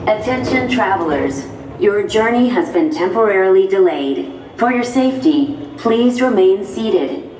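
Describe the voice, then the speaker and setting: Woman, recorded loudspeaker announcer, polite and lilting, heard distant and echoey. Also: medium pitch, a little slow. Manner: calm, polite paging tone. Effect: played over a ride loudspeaker. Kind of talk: scripted public announcement. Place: theme park ride, outdoors. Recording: echoey loudspeaker from far off, loud noise.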